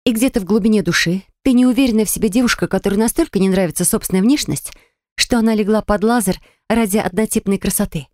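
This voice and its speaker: A woman's voice: mid-range voice, quick pace, darkish tone, no room sound, voice pushed up, close to an everyday voice. Tomboyish young woman, played by a female narrator, sardonic, blunt, dry, close dry sound, audiobook. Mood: cutting. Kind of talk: acted audiobook dialogue.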